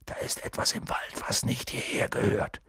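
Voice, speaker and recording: A man reading as a gruff giant gamekeeper, wary and short-tempered, his voice gravelly and husky. The reading is close and dry, with no room around it. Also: a little high, lively intonation, moderate pace, no echo, voice pushed up, exaggerated voice. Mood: wary murmur. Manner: grumbling, then loud and pressing. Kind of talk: audiobook character voice.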